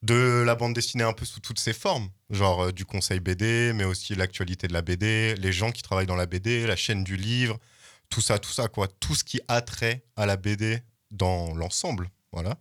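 A man's voice: on the low side, moderate pace, a bit bright. A young man hosting a casual comics chat show, rambling and joking at his own expense. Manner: jokey, self-mocking, rambling. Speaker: podcast host.

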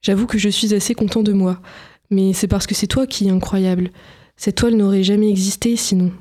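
A woman's voice: mid-range voice, steady tone, a little fast, dark tone, natural voice. A woman reading the lines of a young male painter who sees butterflies that are not there. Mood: tender.

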